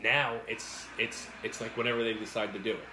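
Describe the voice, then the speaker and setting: A man chatting casually as he co-hosts an eating show, with halting, repeated words and some mild swearing. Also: on the low side, little pitch movement, background noise. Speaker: mukbang co-host. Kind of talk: casual chat while eating, answering viewers. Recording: roomy, echoey indoor sound.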